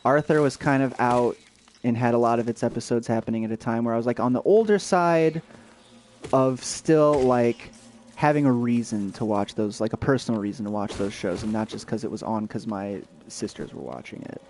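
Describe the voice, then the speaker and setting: A man's voice: mid-range voice, normal speed, darkish tone, slight background noise. A young adult man streaming a video game, chatting casually and rambling with lots of fillers and restarts. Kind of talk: casual let's-play chat.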